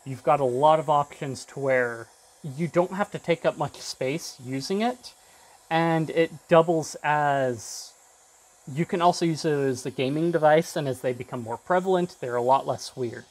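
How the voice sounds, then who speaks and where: With a voice on the high side and a normal pace, this tech creator shows off a device casually. He rambles slightly and sometimes drops a thought before finishing it.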